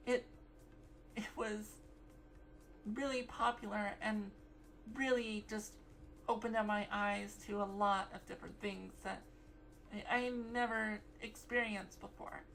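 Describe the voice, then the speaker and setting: A woman's voice: medium pitch, fairly even intonation, slow, long pauses, a bit bright, soft background music, rough recording. A young woman vlogging in a casual, rambling way, full of fillers and restarts. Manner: rambling, many fillers and self-corrections.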